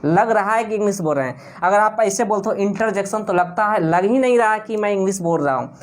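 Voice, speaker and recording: A man gives an English grammar video lecture. He drills students by asking questions and answering them himself. He is insistent, and keeps correcting words slowly and repeating them. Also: sits high, lively intonation. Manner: corrective, insistent about pronunciation. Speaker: English teacher.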